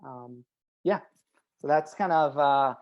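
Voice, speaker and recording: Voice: medium pitch, slow pace, highs cut off. A guest speaking in a casual webinar discussion over a video call, hesitant with many ums and uhs.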